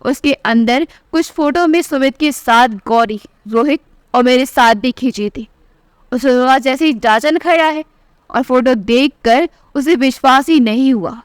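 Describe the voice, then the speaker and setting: A woman narrating a family story in the first person as a storyteller, reading every character's lines in her own voice and lifting her pitch for the quoted speech. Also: unhurried, clear, resonant tone, no echo, studio quality. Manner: reads all the dialogue in one voice, pitch rising for quoted lines.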